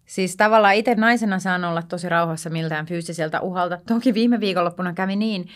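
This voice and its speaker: A woman from Tampere, a stand-up comedian, chatting as a podcast guest and acting out scenes with quoted lines. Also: fairly low pitch. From Finland, Tampere. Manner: animated storyteller, acts out scenes with quoted lines. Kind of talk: casual chat.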